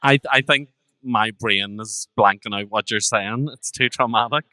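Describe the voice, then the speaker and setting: A man hosts a live podcast, putting wry, teasing questions to his guests. His voice is bright and crisp, recorded dry. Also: fairly low pitch, unhurried, no room sound, low-quality recording. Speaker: podcast host.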